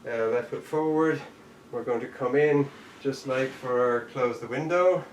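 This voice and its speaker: A man with a mid-range, slightly slow voice teaches a live online jujitsu class, talking through each move and counting out the steps as he demonstrates. The room is echoey, the mic sits at a distance, and faint noise hums in the background.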